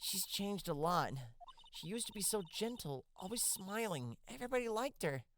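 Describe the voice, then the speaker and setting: A woman voicing an eager young female assistant who is earnest and excitable about science. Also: medium pitch, normal speed, a little hiss or hum, lightly acted. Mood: wistful.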